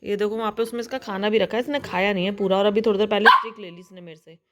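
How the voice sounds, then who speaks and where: A woman's voice: steady tone, very fast, heavy background noise. Chatty woman vlogging at home. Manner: chatty, coos at her pet dog in a high baby voice. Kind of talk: casual home vlog chat. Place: at home indoors.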